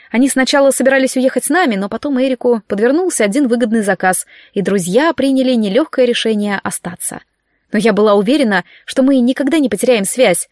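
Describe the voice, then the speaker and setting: Audiobook reader: a woman with a slightly high voice, lively and lightly ironic, close dry studio mic. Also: no echo. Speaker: audiobook narrator. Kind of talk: audiobook narration in first person.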